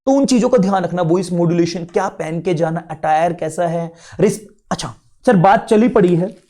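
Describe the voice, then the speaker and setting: A man with an Indian accent giving a casual classroom lecture, chatty and mixing English terms in, a bit unwell and low on energy. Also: moderate pace, mellow. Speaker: teacher.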